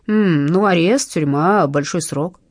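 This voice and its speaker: A woman's voice: fairly low pitch, unhurried, dry recording, clean studio sound. A woman voicing an elderly, courteous male blackmailer who speaks in a ceremonious, politely menacing way, in an audiobook. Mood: smoothly menacing. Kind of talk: audiobook narration.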